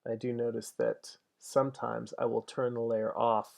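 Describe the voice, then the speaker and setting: A man in his forties with a gravelly, creaky edge to his voice, talking casually while he works. He thinks out loud as he goes and chats back to viewers between strokes. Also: mid-range voice, level tone, moderate pace. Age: 40s. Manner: thinks aloud, chatty, answers viewer comments. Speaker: digital painter streaming his work. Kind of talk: casual livestream talk while painting.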